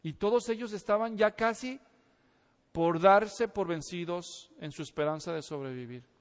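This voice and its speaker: A man preaching a sermon, telling a story in a lively way, acting out the voices and asking the congregation questions. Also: high-pitched, normal speed. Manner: animated storytelling, acts out voices, asks the audience questions. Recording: reverberant hall.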